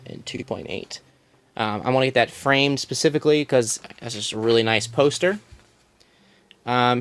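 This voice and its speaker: A young man casually showing his collection to a phone camera, rambling with many ums and restarts in a small room at home. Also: medium pitch. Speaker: collector giving a room tour. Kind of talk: casual filmed walkthrough.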